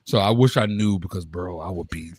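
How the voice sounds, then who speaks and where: A man's voice: sits low, a little fast, a loud crowd. A man in his late thirties co-hosting a casual talk show, laid-back and full of slang, tossing in "bro" constantly. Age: 30s. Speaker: podcast co-host. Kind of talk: casual chat.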